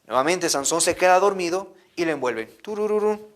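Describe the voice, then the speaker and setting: A Peruvian-accented man tells a Bible story to children in an animated way. His voice is high for a man. He repeats himself and often checks in with the children. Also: a little fast. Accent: Peruvian Spanish. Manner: animated, repetitive, asks "¿no?" often. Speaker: catechist.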